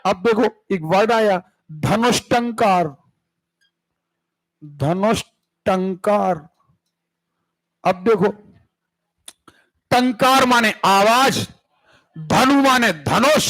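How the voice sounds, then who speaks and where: A man with a strikingly high voice teaches Hindi grammar at an unhurried, drawn-out pace. He carries a central Indian Hindi accent and keeps stopping to ask his students whether they are following. He sounds like a patient classroom lecture. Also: animated, fairly bright tone, rough recording. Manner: keeps checking the class with "clear hai?" and "sun rahe ho?".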